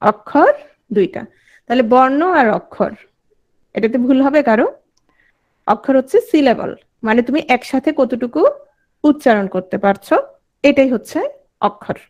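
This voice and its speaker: A woman's voice: sits high, measured pace, long pauses, darkish tone. A woman teacher giving an online class lecture, quizzing her students and repeating their answers back to them.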